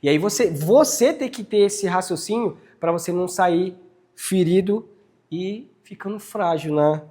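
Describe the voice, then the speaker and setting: A man leading a casual workplace training talk, animated and addressing his team directly with frequent tag questions. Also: high voice, measured pace. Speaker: team leader giving a workplace briefing.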